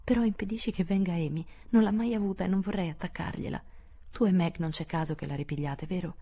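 Beth: a woman voicing a gentle, hushed teenage girl. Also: medium pitch, fast talker, voice pushed up, natural voice. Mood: anxious. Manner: soft, hushed, near-whispered. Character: gentle shy teenage girl, frightened and sorrowful. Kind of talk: audiobook character voice.

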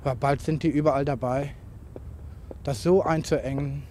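A man who is a writer speaks into a tape recorder at home, and the recording is noisy. His mid-range voice is a little mellow, with a steady tone and normal speed, as he improvises an introspective monologue of fragmented observations.

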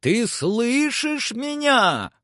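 Male reader doing a shrill, frantic man barking orders, pitched well up, very loud. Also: expressive, slow pace, dry recording, clean studio sound. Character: agitated excitable man shouting up from below.

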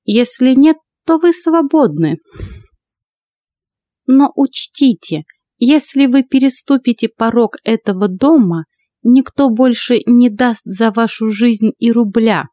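A woman voicing an old witch in an audiobook, with a creaky voice and a slow, steady, coldly menacing delivery. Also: a little high, no room sound, pitched above the performer's own voice. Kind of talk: audiobook character voice.

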